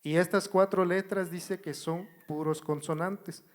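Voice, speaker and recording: A man's voice: high-pitched, fairly even intonation, measured pace. A man with a Mexican Spanish accent teaching a Bible study in a church. He writes on a board as he explains, repeats himself, and keeps asking the congregation whether they follow. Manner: addresses the congregation as brothers, asks if they follow. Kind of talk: slow, repetitive Bible teaching.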